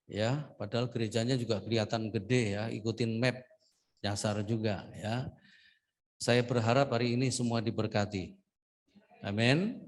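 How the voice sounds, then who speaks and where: A man preaching a conversational sermon in a church, chatty and joking, tagging his sentences with a casual "ya". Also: medium pitch. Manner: chatty, joking, tags lines with "ya". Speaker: pastor.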